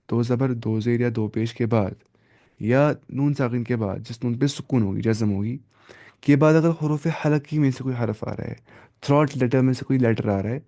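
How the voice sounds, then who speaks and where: A man teaching a live online Quran reading lesson, drilling letters and sounds slowly one by one. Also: mid-range voice, creaky, dark tone. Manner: slow drawn-out letter-by-letter drilling.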